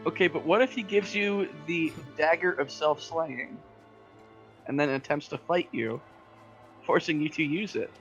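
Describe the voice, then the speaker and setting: High bright-voiced guy on a stream, reading fanfic all dramatic, faint music in back. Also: a little slow, highs cut off. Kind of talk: casual chat and mock-dramatic reading.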